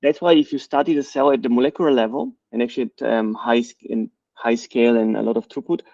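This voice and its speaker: Middle-aged man from Bulgaria, CEO, explanatory and measured, dry slightly dull recording. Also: medium pitch, fairly even intonation, vocal fry, dark tone, no echo. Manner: measured, explanatory, with frequent fillers. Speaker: company CEO and co-founder. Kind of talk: interview answers.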